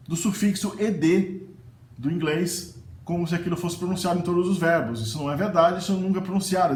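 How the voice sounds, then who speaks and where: A man with a Brazilian Portuguese accent giving a casual lesson, patiently repeating example words slowly. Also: a little high, darkish tone. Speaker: language teacher and mentor. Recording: echoey room with faint noise.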